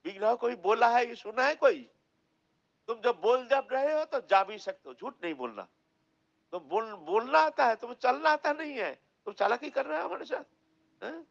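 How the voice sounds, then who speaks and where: A man's voice: high-pitched, brisk, vocal fry, fairly bright tone, muffled recording. A man voicing a stubborn young brahmin who pleads and scolds. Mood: scolding. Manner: pleading, then threatening and scolding.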